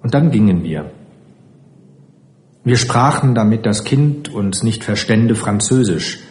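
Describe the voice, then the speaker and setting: A man reading a literary story aloud in a calm, measured narration. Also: lowish voice, echoey room. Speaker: audiobook reader.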